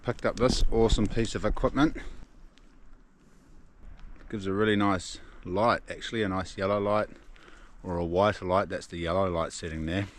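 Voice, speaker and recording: Low-voiced man, broad Kiwi accent. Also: steady tone, normal speed, long pauses. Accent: broad New Zealand. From New Zealand. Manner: laid-back, slangy. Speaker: vlogger. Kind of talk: casual outdoor adventure vlog. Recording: noisy outdoor recording with ambient sound.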